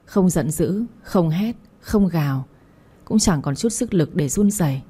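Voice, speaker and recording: A woman narrating a romance story in the first person with a slow, measured, melancholic reading. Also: on the low side, lively intonation, dark tone, breathy edge. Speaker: audiobook narrator.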